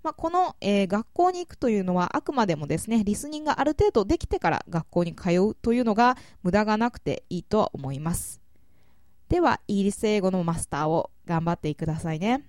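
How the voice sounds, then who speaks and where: A woman hosts a language-learning show and answers listener questions. She is polite and measured and often pauses on fillers, and her pitch moves in a lively, animated way. She is recorded close and dry, with no room sound. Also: dry recording. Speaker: English learning podcast host.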